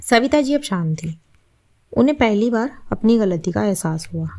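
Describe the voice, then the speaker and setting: A woman tells a family story as scripted narration. Her delivery is measured and steady. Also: medium pitch, creaky.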